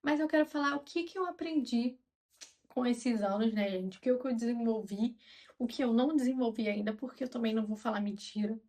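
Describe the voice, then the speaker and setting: Calm chatty Brazilian woman in her twenties. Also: fairly high pitch, a little fast. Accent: Brazilian Portuguese. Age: 20s. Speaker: vlogger. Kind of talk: casual chat to camera.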